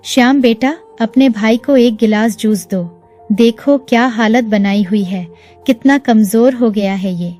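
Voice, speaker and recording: A woman's voice: a little high, unhurried, close to an everyday voice. A woman storyteller voicing a loving, ailing older mother who speaks affectionately to her sons. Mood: tender. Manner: affectionate, softly doting. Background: faint music.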